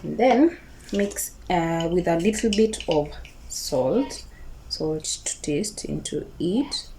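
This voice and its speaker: A woman's voice: fairly low pitch, animated, slow. A Kenyan woman with a Kikuyu accent giving a casual cooking tutorial, repeating her words, checking in with viewers and mixing in some Swahili. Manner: mixes Swahili words into English. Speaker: home cook presenting a recipe video. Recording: clearly noisy home recording, kitchen clatter.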